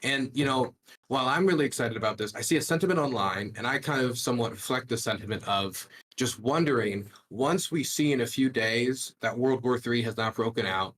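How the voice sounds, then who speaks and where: A man, an independent journalist, joining over a video call and talking in a measured, analytical way. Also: medium pitch, a bit bright. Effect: heard over a video call. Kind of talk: casual commentary on a call-in. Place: remote location, not the studio. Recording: distant call audio.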